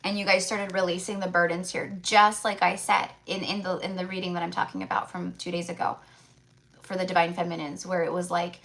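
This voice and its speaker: A woman's voice: on the low side, flat delivery, fairly quick, gravelly, fairly bright tone. A woman hosting a live tarot reading in a casual, rambling way, repeating phrases for emphasis and often checking in with listeners. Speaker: tarot reader, livestream host.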